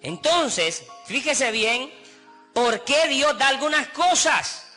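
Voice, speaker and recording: A man's voice: very high voice, very animated, slow pace, sharp tone, soft background music. A man with a Honduran Spanish accent preaching a sermon with passion, acting out pleading voices through repetition. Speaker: pastor.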